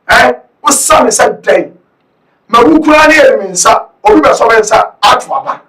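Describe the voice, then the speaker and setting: A man with a Ghanaian English accent giving heated political commentary, often shouting and slipping between English and Twi. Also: extremely high pitch, animated, normal speed, reverberant, far from the mic, rough recording.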